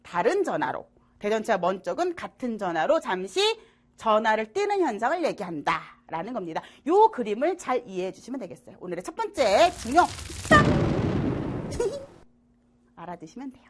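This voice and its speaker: A woman with a fairly high voice, speaking fairly quickly, teaches middle school science in an online lecture. She's animated, jokey and playful, constantly asking check questions to make sure students follow.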